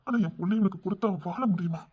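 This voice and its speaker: A man's voice: high voice, very fast, breathy edge, voice pushed down. A man with a Tirunelveli Tamil accent voicing a worried elderly father musing to himself in an audio story. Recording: dull lo-fi recording.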